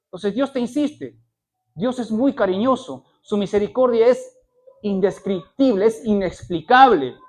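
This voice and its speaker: A man's voice: high-pitched, lively intonation, a little slow. A man preaching a sermon, pressing his point with repeated phrases and rhetorical questions, and correcting himself mid-sentence.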